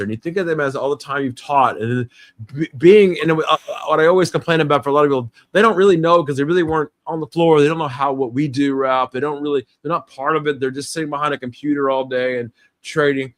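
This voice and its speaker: A man hosting a live stream interview, enthusiastic and halting, with many fillers and restarts. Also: a little high. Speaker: livestream host. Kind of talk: casual interview.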